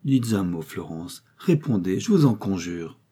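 A man's voice: low-pitched, big pitch swings, a little slow, warm tone, husky, full character voice. A man voicing a poor young baronet who passionately declares his love in a read-aloud novel, in a pleading, ardent way.

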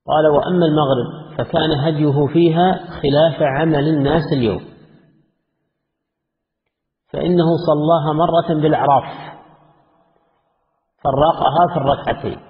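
A man delivers a religious lesson, reading from a classical text in a measured manner and adding his own comments. His slightly high voice carries a gravelly edge. The audio is tinny and phone-like, with a long echo from the hall. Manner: measured, reads quoted passages then comments. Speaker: Islamic scholar teaching a text.

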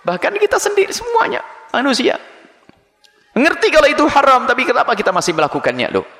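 A middle-aged man preaching a Ramadan sermon in a lively, playful way, acting out everyday examples. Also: very high-pitched, quick pace. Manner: animated, playful, acts out examples. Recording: long hall reverb.

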